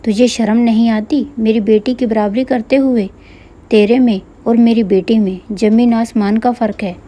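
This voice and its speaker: A woman's voice: on the high side, fairly even intonation, normal speed, dark tone, natural voice. A woman voicing a harsh, bossy middle-aged mother-in-law who scolds her daughter-in-law, in a storybook reading. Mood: sneering.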